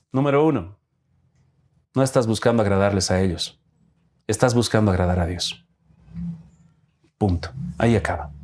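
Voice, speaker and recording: A man preaching a sermon as pastor, emphatic and direct, reading scripture aloud and putting questions to the congregation. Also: medium pitch. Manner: emphatic, addresses the congregation as brothers; reads scripture aloud and asks rhetorical questions.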